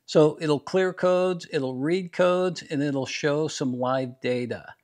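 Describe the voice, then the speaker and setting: A man's voice: on the high side, a little mellow. A man in his fifties, a garage channel host, plainly demonstrating scan tools in his home garage. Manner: plain, practical, unhurried explaining. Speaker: DIY mechanic channel host. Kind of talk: casual product demo.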